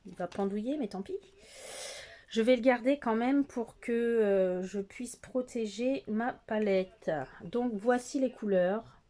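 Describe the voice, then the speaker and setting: A middle-aged woman beauty vlogger with a soft, mellow tone, filming herself at home close to the camera. She chats loosely while testing makeup, pausing on fillers and turning often to address her viewers directly. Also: a little high. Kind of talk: casual makeup tutorial chat.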